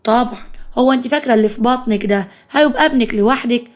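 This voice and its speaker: A bossy, possessive Egyptian mother-in-law who scolds everyone around her, as a woman reads her part. She talks fast on a fairly high voice. It is a spoken family story. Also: natural voice. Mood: scolding.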